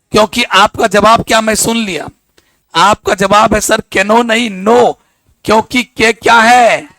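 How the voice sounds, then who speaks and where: This is a male biology teacher from Bihar, a voice that sits fairly high. He lectures in a casual, story-driven way and drops into to act out exchanges between people. The recording is dry, almost no room sound. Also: no room sound. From Bihar, India. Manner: animated storytelling, acts out dialogue in local dialect. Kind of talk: classroom lecture with anecdotes.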